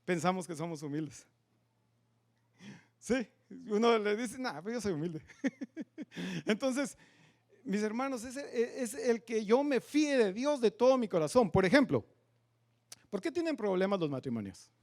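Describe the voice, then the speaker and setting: A man preaching a sermon in a church, asking the congregation many questions and swinging between loud emphatic lines and quiet asides. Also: sits high, animated, measured pace, long pauses. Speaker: pastor. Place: church sanctuary.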